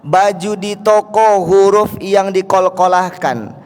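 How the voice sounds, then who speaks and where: A man teaching Quran recitation to a congregation, coaxing listeners to repeat and breaking into slow, drawn-out chanted verses between his explanations. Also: high-pitched, darkish tone. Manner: coaxes listeners to repeat, counting them in. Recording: long hall reverb with faint music.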